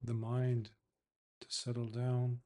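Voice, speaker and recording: A man with a mid-range voice guides a meditation session the way a Buddhist monk might instruct students. His phrases are short and measured, separated by long pauses. His delivery is completely flat and his tone somewhat dark.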